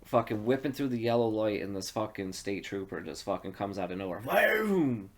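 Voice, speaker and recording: A man's voice: lowish voice, fairly even intonation, fast talker, darkish tone. A man, co-hosting a podcast and telling a rambling, profane story in casual chat. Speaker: podcast co-host.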